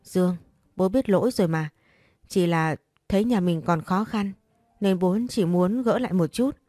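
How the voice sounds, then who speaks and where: A woman's voice: lowish voice, normal speed, warm tone, no echo, studio quality, soft background music, lightly acted. A woman voicing an ashamed older father who begs his daughter for money, speaking hesitantly and stammering. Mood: pleading, ashamed.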